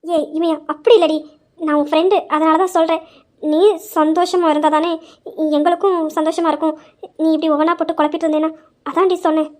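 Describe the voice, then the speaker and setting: A young woman with a very high voice talks quickly, pushing her point over and over in a dramatized story. She sounds insistent and persuasive. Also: flat delivery. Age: young adult.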